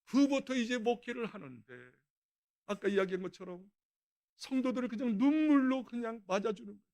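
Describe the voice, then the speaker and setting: High-voiced pastor preaching a dawn sermon. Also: male voice, animated, fairly quick. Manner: storytelling, acting out quotes with sudden loud outbursts.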